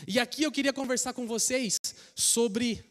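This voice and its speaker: A Brazilian man preaching with a fairly high voice, drawing his listeners into the story. He moves from quiet, confiding asides to bold, swelling emphasis. His words ring out with the long reverb of a church hall. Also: normal speed. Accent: Brazilian Portuguese. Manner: animated storytelling, swinging between soft asides and emphatic rises. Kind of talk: sermon.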